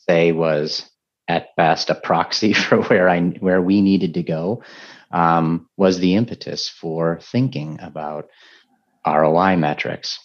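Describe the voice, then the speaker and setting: A man, a guest on a podcast, telling a story from his career quickly, laughing softly at points. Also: low voice, highs cut off. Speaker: health system ethics executive, guest. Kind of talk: anecdotal conversation.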